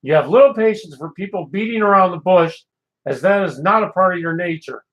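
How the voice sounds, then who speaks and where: A man's voice: high voice, brisk, fairly bright tone, lo-fi sound. A man hosting a casual local radio show, reading weather, listener ads and birthday notes in an easygoing way.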